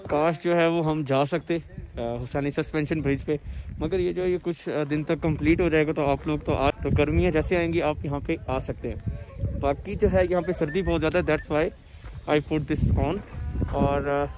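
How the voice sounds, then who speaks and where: A man's voice: fairly high pitch, steady tone, moderate pace. Chatty young man vlogging outdoors. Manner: chatty, points out sights with frequent hesitations. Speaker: travel vlogger. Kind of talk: casual travel vlog narration. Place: outdoors on a cold mountain road and village path. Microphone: phone camera held at arm's length. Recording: noisy outdoor phone recording.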